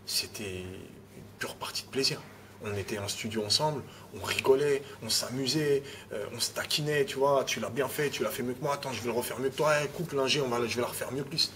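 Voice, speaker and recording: This rapper, talking informally in an interview, has a medium-pitched voice and a brisk delivery over background noise. His speech is full of repeated words and restarted phrases, peppered with "tu vois".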